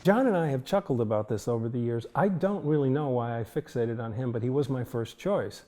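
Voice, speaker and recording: A man's voice: mid-range voice, fairly quick, background noise. An older man, a film director, telling thoughtful anecdotes in an interview and chuckling now and then. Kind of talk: reflective interview storytelling.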